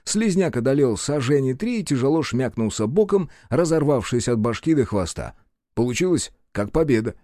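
A man reading scripted narration for an audiobook in a lively, expressive way. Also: mid-range voice, normal speed, no room sound, clean studio sound.

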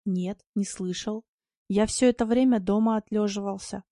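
Brief: sullen bitter tomcat, read by a woman storyteller; slow, dull mutter, dark tone. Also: medium pitch, steady tone, no echo, studio quality, natural voice. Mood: gloomy.

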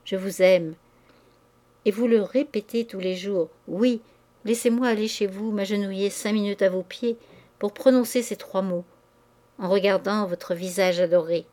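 A woman's voice: medium pitch, fairly even intonation, moderate pace, mellow, close to an everyday voice. A woman reading aloud, voicing an ardent young man who urgently presses a married woman to see him. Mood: pleading. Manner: urgent, insistent pleading.

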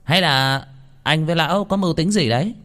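A man voicing a scornful, sharp-tongued middle-aged aunt, speaking in a shrill, sneering, loud way. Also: a little fast, close to an everyday voice. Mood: scornful, combative.

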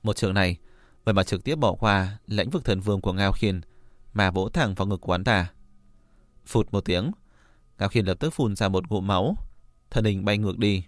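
Low-voiced male audiobook narrator. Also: normal speed, pauses often, no room sound. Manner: steady storytelling read. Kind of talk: scripted narration.

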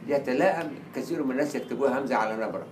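A man with an Egyptian Arabic accent giving a lecture on Arabic writing. He is animated, acts out quoted dialogue and repeats words to drill pronunciation. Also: mid-range voice, rapid-fire. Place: lecture hall. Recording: echoey lecture room with faint hiss.

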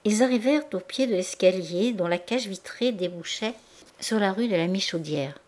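A woman narrating a classic novel as an audiobook, her pitch in a middle range. Her reading is measured and expressive, giving the scenes steady weight. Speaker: audiobook reader. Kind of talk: classic novel read aloud.

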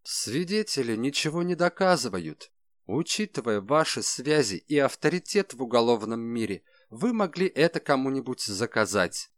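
A man voicing a shrewd, calm detective who speaks in a measured, ironic way, in an audiobook. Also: mid-range voice, dry recording, studio quality, lightly acted.

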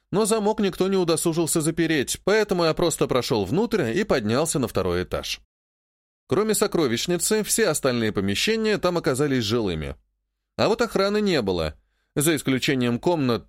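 Man, audiobook narrator, first-person fantasy story, lively intonation, dry close sound. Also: fairly high pitch, no echo.

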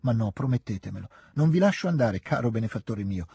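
A proud middle-aged noblewoman begs and insists on a favor for her son, voiced by a man reading the book aloud. Her voice stays very husky and dark. It sounds close and dry, with no room around it. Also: mid-range voice, lively intonation, fast talker, no echo, heavily acted. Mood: imploring. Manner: imploring, insistent. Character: pleading aristocratic mother, middle-aged woman. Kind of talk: audiobook reading.

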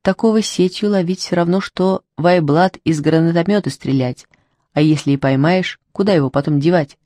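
A narrator reading a fairy tale in a wry, unhurried way, lightly voicing the characters. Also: mid-range voice, mellow, dry recording, studio quality. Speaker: audiobook narrator. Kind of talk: storybook narration.

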